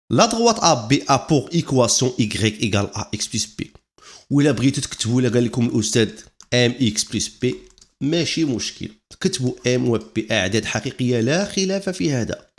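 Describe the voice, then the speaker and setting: A man with a Moroccan accent teaching a math lesson step by step, dropping French math terms into his explanation. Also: mid-range voice.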